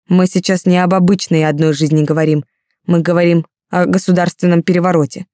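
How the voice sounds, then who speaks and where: A stern, clever male warrior speaks bluntly and measuredly in a low, mellow voice, as a woman narrator reads him. The sound is close and dry, with no room around it. The storybook delivery stays firm and unhurried. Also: little pitch movement, dry recording, close to an everyday voice.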